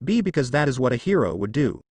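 A man's voice: mid-range voice, big pitch swings, fast, darkish tone, husky, no room sound. A man puts on a timid little boy in a narrated fan story. The boy stammers and sounds shaky, yet speaks up for what a hero would do. The voice rises and falls a lot, and the recording is dry and close.

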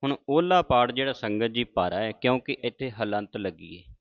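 A man with a Punjabi accent teaching pronunciation of scripture, chanting lines slowly and correcting each word, addressing listeners as the congregation. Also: mid-range voice, expressive, lo-fi sound. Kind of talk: religious pronunciation lesson.

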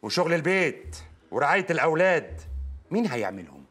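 A husky, grumbling Egyptian husband. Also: male voice, a little high, sing-song, fast talker, fairly bright tone, soft background music. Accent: Egyptian Arabic. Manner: complaining.

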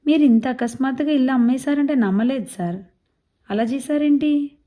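A woman voicing a mild husband who gently coaxes and reasons. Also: high voice, fairly quick, voice pushed up, natural voice. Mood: coaxing. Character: mild, soothing middle-aged husband.

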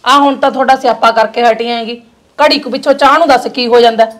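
A resentful, sharp-tongued wife, played by a woman nags her husband in a high, fast Punjabi-accented voice. She talks quickly and stays quarrelsome. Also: fairly even intonation, lightly acted. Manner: quarrelsome, nagging.

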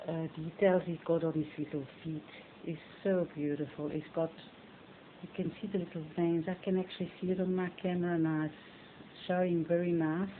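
A middle-aged woman with a Flemish Belgian accent rambles fondly through a home vlog, calling everything lovely. Her voice sits on the low side and sounds thin and tinny, like a phone line. Clear hiss and hum from a cell phone hang behind her. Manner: chatty and rambling, fond of the word lovely. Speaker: reborn doll hobbyist. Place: bedroom at home. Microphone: phone camera on a stand.

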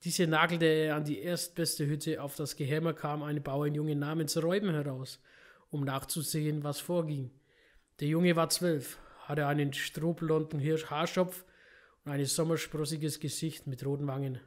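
A man's voice: fairly high pitch, flat delivery, moderate pace. A man hosting a game playthrough, reading in-game books aloud with small slips he corrects. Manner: reads narration steadily, with small slips and self-corrections. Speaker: let's play host.

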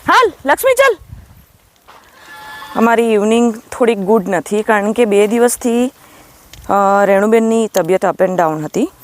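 A Gujarati woman chatting casually in a vlog, often calling to her child and her cows in a high, coaxing sing-song voice, outdoors on a farm. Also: darkish tone. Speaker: vlogger and mother.

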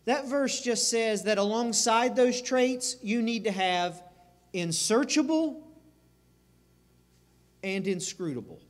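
A man's voice: high-pitched, lively intonation, takes it slowly, long pauses. A man preaching a sermon as pastor, earnest and emphatic, circling back over phrases. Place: church sanctuary. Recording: reverberant church sanctuary.

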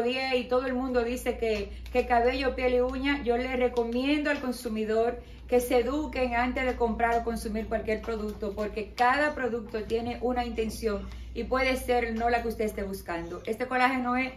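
A middle-aged woman with a Dominican Spanish accent explains her skincare products in an interview, in a steady promotional way with some hesitation fillers. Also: a little high, normal speed, hardly any pauses. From Dominican Republic. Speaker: skincare company owner, interview guest. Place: small decorated showroom with balloons, indoors. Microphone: camera at a distance. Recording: roomy echo, voice from a distance.

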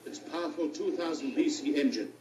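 A man's voice: on the high side, fairly quick, roomy sound, over a noisy crowd. A man heard in clipped snatches of radio as a spirit box sweeps the stations, with old-time radio drama delivery. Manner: clipped fragments cut off mid-phrase. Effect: snatches of radio caught while a spirit box sweeps the stations.

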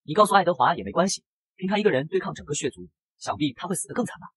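A man reading as a scheming girl villain from a comic, threatening, husky breathy voice, rapid. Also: sits high, very animated, fairly bright tone, dry recording, heavily acted. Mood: menacing.

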